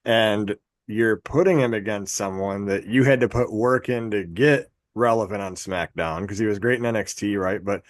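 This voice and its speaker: A man's voice: fairly low pitch, normal speed, hardly any pauses, no room sound. A man co-hosting a podcast in a casual chat, rambling, swearing and laughing at his own jokes. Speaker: podcast co-host.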